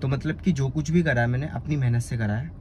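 A young man from Uttar Pradesh, India, talking about his life in a chatty, rambling vlog, his voice often rising with excitement. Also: mid-range voice, quick pace. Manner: chatty, rambling, with lively rises. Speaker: vlogger. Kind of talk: casual vlog narration. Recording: noisy outdoor phone recording.

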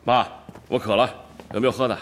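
A man's voice: medium pitch, steady tone, fast talker, noisy background, close to an everyday voice. An actor playing an easygoing young husband chatting with his wife and mother.

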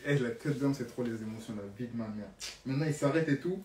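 A young man telling a story on a live stream in an animated, dramatic way, repeating phrases for emphasis. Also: mid-range voice, fast, noisy background. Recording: roomy, distant from the mic.

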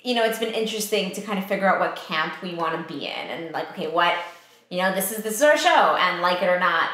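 A young woman, a theatre company co-founder, chatting casually and asking questions in a relaxed way. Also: fairly low pitch, fast talker. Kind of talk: casual conversation. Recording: very echoey room.

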